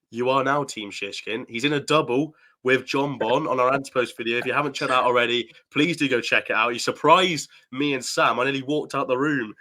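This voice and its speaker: A man's voice: mid-range voice, sharp tone. A man hosting a casual horse racing preview chat, upbeat and teasing with his co-hosts. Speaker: host of a horse racing tips show.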